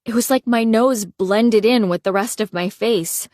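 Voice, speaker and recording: A woman reading a first-person romance audiobook in a steady storytelling manner. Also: fairly high pitch, measured pace, no room sound, clean studio sound. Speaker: audiobook narrator.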